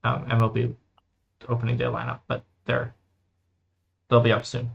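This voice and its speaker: Gravelly-voiced man on a muffled podcast mic. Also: medium pitch, completely flat delivery. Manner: brisk run-through of names, chatty. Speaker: podcast co-host. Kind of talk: casual chat. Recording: slightly muffled lo-fi recording.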